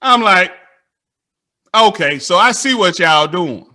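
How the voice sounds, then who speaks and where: A man, hosting a casual interview and telling animated stories that act out the dialogue. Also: sits high, slow pace. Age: 30s. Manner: animated storytelling, acts out dialogue.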